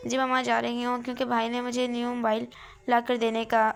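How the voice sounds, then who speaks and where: A woman's voice: a little high, completely flat delivery, brisk, vocal fry. A woman voicing a stubborn, playful teenage student in a read-aloud novel, speaking eagerly.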